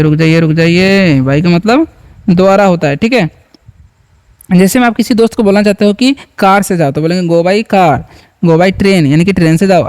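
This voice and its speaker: A man from India teaches beginners to read English in a spoken lesson, patiently repeating himself and often quizzing the viewer. His voice is high, with a darkish, clean tone.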